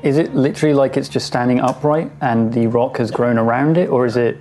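A man's voice: medium pitch, steady tone, fairly quick, mellow, faint music behind. A man playing a tabletop role-playing game, talking casually.

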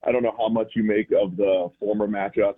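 Calling into a radio show remotely over a thin, phone-like line, an American man from the Boston area offers casual football analysis, often rephrasing himself as he goes. He has a lowish, level voice with a breathy edge and talks a little fast.

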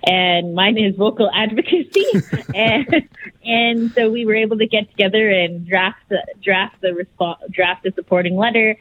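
A woman's voice: medium pitch, moderate pace, fairly bright tone, slight background noise, poor audio. A woman legal director answering interview questions earnestly, often restarting phrases and searching for words.

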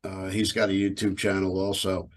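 A man talking as a guest in a casual chat, relaxed and keen when sharing wild game recipes. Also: low voice, moderate pace. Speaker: guest, app developer. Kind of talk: casual conversation.

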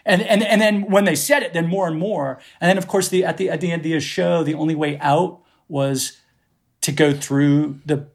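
Gravelly, higher-voiced man telling rambling stories. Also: steady tone, normal speed. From Boston area. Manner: rambling, profane, self-deprecating, many restarts. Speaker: podcast guest, festival producer. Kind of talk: casual storytelling conversation.

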